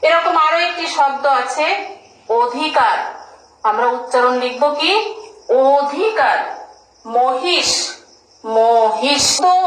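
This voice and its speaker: A woman's voice: sits high, a bit bright, echoey room, low-quality recording. A woman teacher giving a lesson on pronunciation, patiently asking questions and answering them herself. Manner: patient, asks and answers her own questions. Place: classroom with a board.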